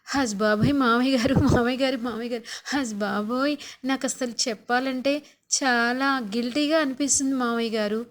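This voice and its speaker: A scheming young daughter-in-law who wheedles and sighs theatrically while spilling family secrets, as a woman acts her out. The voice sits somewhat high. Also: fairly even intonation, normal speed, natural voice. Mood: sly wheedling. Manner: sly, wheedling, dramatic sighs.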